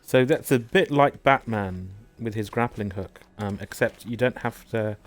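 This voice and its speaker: A man hosting a gaming netcast, talking through his gameplay in a loose, rambling way. His voice sits a little low. He is chatty and quick to poke fun at himself. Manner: rambling, chatty, self-deprecating. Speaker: gaming show host. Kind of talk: casual gameplay commentary.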